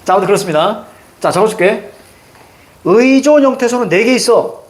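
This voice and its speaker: A man's voice: high voice, lively intonation, moderate pace, echoey room. A middle-aged man from Seoul teaching grammar in a classroom, chatty and teasing with his students. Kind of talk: classroom lecture.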